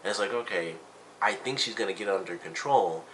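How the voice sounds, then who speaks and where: A man's voice: lowish voice, brisk, a bit bright, slight background noise, rough recording. A man giving a casual spoken review of a TV episode, rambling and filling his talk with "you know" and "like".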